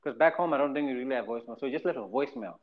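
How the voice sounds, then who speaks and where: A Zimbabwean man rattles off a story at a quick clip, voice in a middling register. He repeats himself for effect and slips into other people's voices as he tells it. The recording sounds a little dull and lo-fi. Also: mid-range voice, background noise. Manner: animated, repeats phrases, acts out quoted voices. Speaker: podcast host. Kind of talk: casual storytelling chat.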